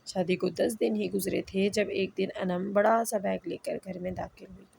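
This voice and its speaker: A woman tells an emotional first-person story in a steady, measured narration. Her voice has a gravelly, fry-edged texture at a middling pitch. A faint hiss of noise sits under the recording.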